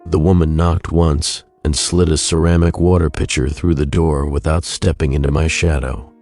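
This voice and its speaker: A man narrating a scripted first-person horror story in a measured, somber creepypasta manner. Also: a bass voice, level tone, a little mellow, soft background music.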